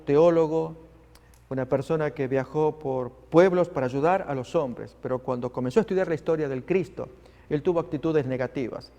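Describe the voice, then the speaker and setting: A man preaching a sermon, dramatic and expressive, acting out the people in the story he tells. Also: fairly high pitch, creaky. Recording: long hall reverb.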